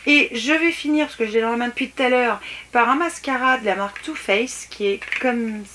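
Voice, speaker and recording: A woman beauty vlogger with a slightly high, sharp-toned voice goes through a beauty box unboxing at a somewhat quick pace. The chat is casual but halting, full of false starts. Faint clicks and background noise come through.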